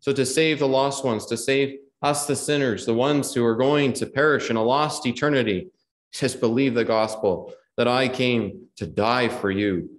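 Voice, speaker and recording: A man of middle pitch preaches an earnest gospel sermon, circling back to the same phrases and quoting scripture in old-fashioned wording. The voice rings in a roomy, echoey hall. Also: fairly even intonation, normal speed.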